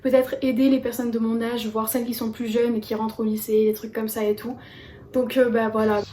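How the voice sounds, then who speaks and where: A chatty teen girl vlogs casually, bubbly despite a stuffy nose and a fading voice, and she leans on fillers such as "euh" and "bah." Her mellow, slightly high voice moves fairly quickly with little pitch movement, against slight background noise.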